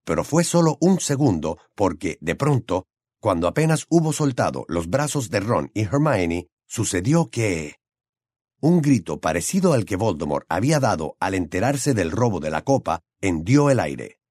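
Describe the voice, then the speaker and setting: A man reading an audiobook aloud in a dramatic, expressive way. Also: on the low side, moderate pace, dry recording, studio quality. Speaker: audiobook narrator. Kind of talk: scripted audiobook narration.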